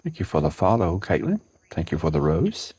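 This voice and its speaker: A man, calmly thanking viewers on a live stream from his porch. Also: sits low, brisk, breathy edge, no echo. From central Alabama. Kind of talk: casual chat on a live stream. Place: outdoors on a home porch at dawn.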